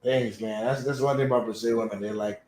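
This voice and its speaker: A man speaking as a guest in a casual chat, in a halting way with frequent fillers and restarts. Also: fairly low pitch, steady tone, crowd noise. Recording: echoey room.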